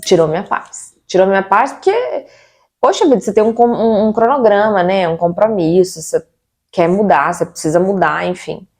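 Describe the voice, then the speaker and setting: A woman's voice: medium pitch, normal speed, a little mellow. A young Brazilian woman with a Brazilian Portuguese accent, venting casually to her viewers about her home renovation and asking rhetorical questions. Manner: chatty and exasperated, with rhetorical questions. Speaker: vlogger.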